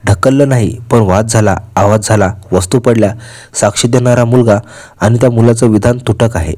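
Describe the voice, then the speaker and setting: A man reading the lines of a calm, probing male police inspector in a crime story. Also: on the low side, normal speed, lightly acted.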